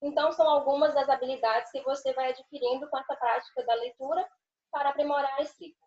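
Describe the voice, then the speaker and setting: A woman's voice: high voice, steady tone, fast, darkish tone. A Brazilian Portuguese-speaking woman giving a student seminar presentation, reading a quotation and then explaining it. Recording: roomy, dull lo-fi call audio.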